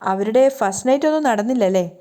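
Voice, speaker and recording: A woman's voice: fairly high pitch, lively intonation, fairly quick, warm tone, close to an everyday voice. A woman voicing a sweet, coaxing young newlywed woman in a storybook retelling. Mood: curious.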